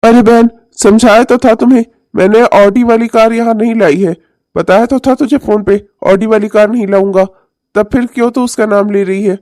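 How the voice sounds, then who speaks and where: Man voicing a long-winded cartoon uncle, high flat voice, dark tone, dry close recording. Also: normal speed, dry recording, lightly acted. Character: demanding middle-aged uncle, fussy guest.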